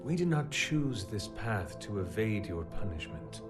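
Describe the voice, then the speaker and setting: An actor playing a solemn, loyal royal subordinate in a video game, with grave, formal, measured speech. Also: male voice, on the low side, sing-song, loud music behind the voice. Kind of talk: video game cutscene acting.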